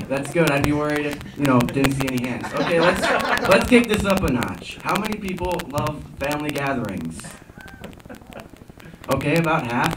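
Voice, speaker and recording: A young man performing a stand-up comedy set on a theater stage, talking to the crowd with dry asides. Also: recorded from a distance. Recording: low-quality echoey theater recording from afar. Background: audience laughter and noise.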